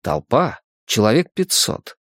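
Male narrator, mid pitch, steady measured reading, dry booth sound. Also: dry recording. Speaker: audiobook narrator. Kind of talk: scripted narration.

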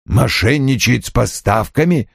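Gruff impatient older detective, short clipped lines, a man reading, dry close audio. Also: medium pitch, expressive, unhurried, dry recording, heavily acted. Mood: curt. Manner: terse and clipped. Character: curt, demanding older male detective.

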